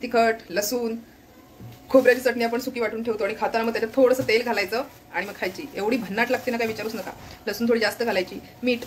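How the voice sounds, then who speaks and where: A family vlogger cooks in her home kitchen, chatting casually to viewers and pointing things out on a handheld phone. She speaks fast in a fairly high, steady voice, with a little hiss or hum on the recording.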